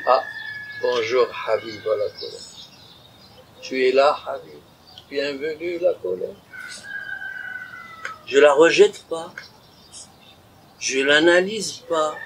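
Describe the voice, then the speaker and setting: A man delivers a spiritual lecture, his voice sitting a little high for a man. He talks in an animated way, acting out small inner dialogues and calling his listeners habibi. Faint noise hangs behind him. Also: gravelly, poor audio. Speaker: conference speaker.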